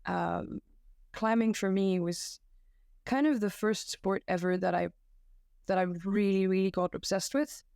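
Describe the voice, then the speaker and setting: A woman's voice: medium pitch, fairly even intonation, measured pace, vocal fry, darkish tone, clear, resonant tone, dry recording, studio quality. A young woman from Belgium, a podcast guest, talking casually and self-deprecatingly with many fillers and restarts, at home. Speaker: guest, climbing competition volunteer. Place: floor of a new room at home. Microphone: home setup.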